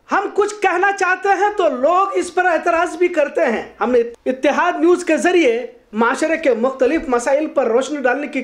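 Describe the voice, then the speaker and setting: A woman with a high, light voice reads a scripted news commentary. She sounds earnest and moralizing as she editorializes, keeping a steady presenter's delivery.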